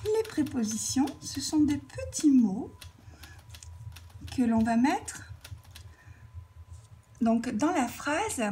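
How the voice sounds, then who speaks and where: Woman teacher going really slow through grammar examples, a bit high voiced. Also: dark tone. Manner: slow, careful dictation, writing while talking. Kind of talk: French grammar lesson.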